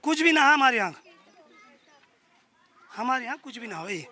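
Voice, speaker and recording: A man's voice: extremely high pitch, very animated, normal speed, pushed and bright. A man with a Mewati Haryanvi accent, an aggrieved villager answering a reporter outdoors in rustic dialect. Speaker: villager interviewee. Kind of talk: complaining interview answers.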